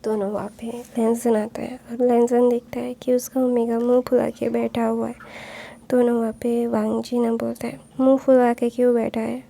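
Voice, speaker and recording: A woman's voice: on the high side, completely flat delivery, normal speed, creaky, mellow, rough recording. A woman retelling a fanfiction story casually, chatty and full of fillers.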